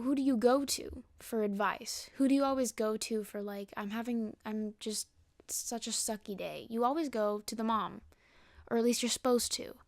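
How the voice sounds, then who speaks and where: A young woman hosts a solo podcast, ranting frankly and casually about her opinions. Her voice sits a bit high and she slips into little acted-out quotes as she goes. The sound is dry and close, with no room echo. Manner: frank, animated, quick asides with acted quotes. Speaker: podcast host.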